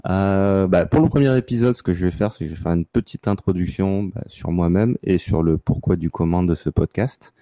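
A man hosts a casual podcast. His voice sits low and mellow, and the sound is close and dry. He talks in a relaxed way, hesitating and restarting often. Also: a little fast, few pauses, no room sound. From France, near Marseille. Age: 30s. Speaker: podcast host.

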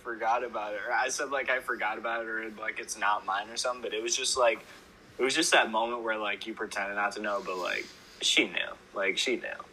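A young man in casual chat, animated and filler-heavy, with quick quips. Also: lowish voice, a little hiss or hum, poor audio. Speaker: podcast co-host.

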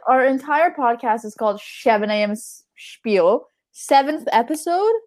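A woman's voice: a little high, lively intonation, measured pace, a little mellow, no echo. A young woman co-hosting a casual podcast chat, teasing and wry. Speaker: podcast co-host.

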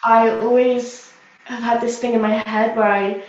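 A woman's voice: on the high side, little pitch movement, unhurried, a little hiss or hum. A young woman from Britain, answering interview questions in an earnest, upbeat way with many "like" fillers. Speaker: guest, social media creator. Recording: roomy, dull lo-fi sound.

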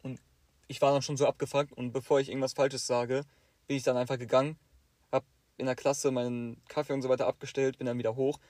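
A man's voice: fast talker, no room sound. Young man telling a story, dry close sound. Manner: animated, acts out quoted teachers with louder higher bursts. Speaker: podcast co-host. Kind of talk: casual storytelling chat.

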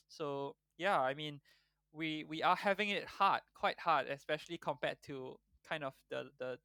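A man's voice: medium pitch, bright, forceful tone, clean tone, no echo. A man in his twenties from Singapore, talking thoughtfully as an interview guest with frequent restarts. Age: 20s. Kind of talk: conversational interview.

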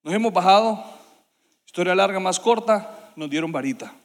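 A man with a high voice tells a story from the pulpit, animated and full of sound effects. His voice rings out in a church hall with a long reverb. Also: moderate pace. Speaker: preacher. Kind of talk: sermon storytelling.

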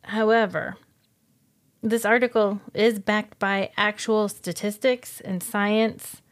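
A middle-aged woman co-hosts a relaxed podcast, patiently walking through facts and figures while her partner jokes. Her voice sits at an ordinary middle pitch. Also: slow. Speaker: podcast co-host. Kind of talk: casual chat.

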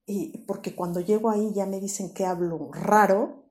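A Mexican woman, a psychologist guest on a podcast, calmly explaining with everyday examples. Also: mid-range voice, normal speed. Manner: calm, explanatory, gives examples. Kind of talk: casual podcast conversation.

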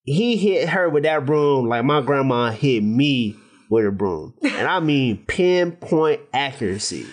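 A man's voice: medium pitch, a little slow. A man co-hosting a podcast, chatting casually about a movie and joking as he acts out scenes. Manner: animated, joking, acts out quotes. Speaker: podcast co-host. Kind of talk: casual movie-recap chat.

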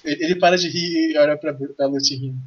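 A man with a Brazilian accent and a husky voice, casually narrating a tabletop game as game master. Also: on the high side, steady tone, quick pace. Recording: dull, lo-fi voice recording.

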